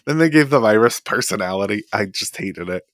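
A man's voice: on the low side, expressive, fairly quick, a bit bright, no room sound, clean studio sound. A man hosting a casual gaming podcast, rambling with many fillers. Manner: rambling, lots of fillers and likes. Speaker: podcast host. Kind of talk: casual chat. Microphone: desk podcast mic.

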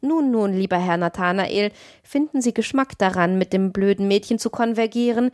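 A woman voicing an older male professor, smug and sly, speaking with a quick, knowing tone. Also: medium pitch, a little mellow, no room sound, studio quality, close to an everyday voice.

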